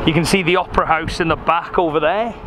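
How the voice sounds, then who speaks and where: A man's voice: a little high, steady tone, quick pace, over music. A young Welsh man from the UK filming a casual travel vlog, chatty and upbeat, talking to a handheld camera on a cruise ship. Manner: chatty, upbeat, thinking aloud while walking. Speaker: travel vlogger. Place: cruise ship decks, cabins and bar. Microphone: handheld camera at arm's length.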